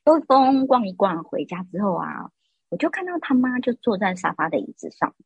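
A young woman with a Taiwanese Mandarin accent tells a story in a lively podcast chat. Her voice is very husky and swings widely in pitch as she acts out each character. The sound is dry and close to the mic. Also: brisk, no echo, dull audio. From Kaohsiung, southern Taiwan. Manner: animated, acts out quoted voices with big pitch jumps. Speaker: guest storyteller.

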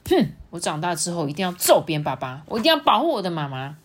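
A woman's voice: sits high, expressive, pushed and bright, voice pushed up, heavily acted. A woman doing a whiny elephant boy. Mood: angry. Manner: whiny, drawn-out, sulky. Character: worn-out sulky elephant boy.

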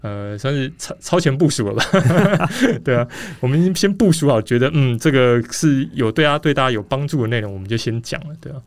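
A man's voice: medium pitch, expressive, quick pace, hardly any pauses, no room sound. A man with a Taiwanese Mandarin accent hosting a casual podcast in a rambling, explanatory way, slightly muffled by a face mask. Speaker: podcast host.

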